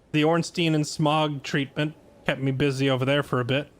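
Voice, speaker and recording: A man's voice: fairly high pitch, fairly even intonation, a little slow. A tired man chatting casually on his live stream, sarcastic and self-deprecating.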